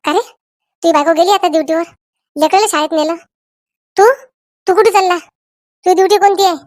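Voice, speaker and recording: A woman voicing a sharp, bossy older village mother in a cartoon. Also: very high-pitched, steady tone, a little fast, dry recording, studio quality, pitched above the performer's own voice. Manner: questioning, bossy.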